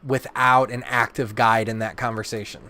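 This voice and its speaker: A man's voice: mid-range voice, level tone, moderate pace, bright, forceful tone. A man hosting a live card-opening stream, chatting and teasing his co-host in casual banter.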